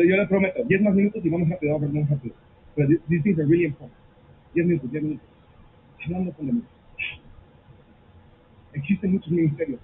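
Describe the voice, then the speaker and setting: A man preaching a sermon as pastor, moving between Spanish and English mid-sentence and telling stories with animated acted quotes. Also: a little high. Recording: tinny phone-like sound with faint noise.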